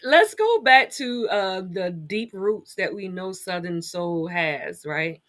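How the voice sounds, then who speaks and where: A woman hosting a conversational interview, asking measured questions and affirming her guest. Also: mid-range voice, expressive, a bit bright. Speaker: interview host.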